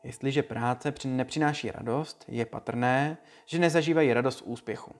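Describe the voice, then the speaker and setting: Calm man reading a talk. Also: mid-range voice, soft background music. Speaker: speaker giving a motivational talk. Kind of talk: read-aloud motivational talk.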